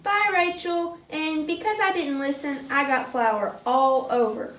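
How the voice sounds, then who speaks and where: A woman's voice: high-pitched, steady tone, fairly bright tone. A woman voicing a clumsy, earnest little girl puppet in a church puppet skit, recorded from afar in an echoey room. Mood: sorry. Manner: slow, earnest, childlike. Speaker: puppet character in a kids class skit. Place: church classroom. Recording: roomy hall, mic far off.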